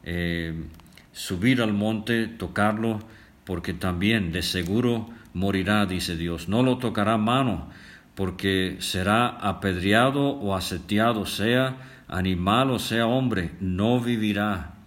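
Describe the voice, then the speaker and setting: An older man teaching a Bible study, reading scripture slowly and pausing often with fillers as he explains it. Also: fairly low pitch, a bit bright. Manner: slow, deliberate reading with frequent filler pauses. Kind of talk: unhurried Bible study commentary.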